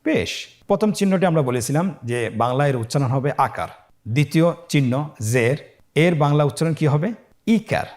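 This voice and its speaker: A man teaching a Quran lesson, patient and encouraging, drawing out syllables slowly as he sounds out letters for learners to repeat. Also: fairly high pitch, animated, a little mellow. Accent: Bangladeshi Bengali. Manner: slow drawn-out syllables when sounding out letters. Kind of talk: step-by-step lesson, learners repeat after him. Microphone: facing the camera on screen.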